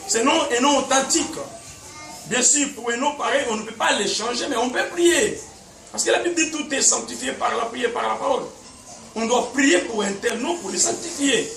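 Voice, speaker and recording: A pastor with a very high, fairly bright voice preaches a teaching sermon in French, which isn't his first language. He's emphatic, repeats words, and chuckles often. The recording is echoey, with a distant mic and background noise.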